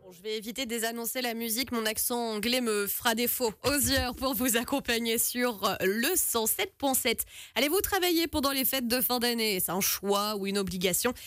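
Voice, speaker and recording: Woman radio host, slightly high voice, chatty, dry studio mic. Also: brisk, a bit bright, dry recording, soft background music. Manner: chatty, reads listener messages, laughs easily. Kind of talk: live radio talk show hosting. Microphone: studio microphone.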